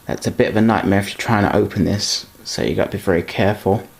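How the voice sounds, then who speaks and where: Talking fast with vocal fry in a lowish voice, a man casually rambles his way through a model train unboxing. He corrects himself often and keeps talking as he handles the pieces.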